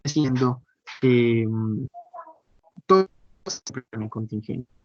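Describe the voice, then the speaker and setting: A man's voice: mid-range voice, takes it slowly, a little mellow, no echo, soft background music. A man teaching an online class, constantly checking in with his students. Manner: frequent checking tags like "¿sí?". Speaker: university lecturer. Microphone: computer mic on a video call. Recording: dull lo-fi online call audio, dry.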